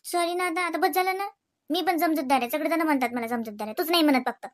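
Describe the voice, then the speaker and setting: A woman's voice: sits high, fast talker, lightly acted. A woman voicing a pleading cartoon wife. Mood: sulky. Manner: pleading, sulky, repeats sorry. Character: apologetic young wife Rashmi, sulky and pleading. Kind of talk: cartoon voice acting.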